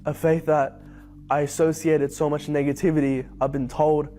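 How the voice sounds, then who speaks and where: A young man from Hong Kong telling his personal story to camera, reflective and unhurried, with frequent ums. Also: a little high, level tone, warm tone. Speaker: convert sharing his story. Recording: faint music bed behind voice.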